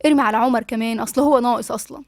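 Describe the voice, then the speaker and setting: Tired dazed young pregnant woman, egyptian lady reading her, high and rushed, dry sound. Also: fairly even intonation, darkish tone, no echo, close to an everyday voice. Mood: subdued. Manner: faint, tired and confused. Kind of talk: audiobook dialogue reading.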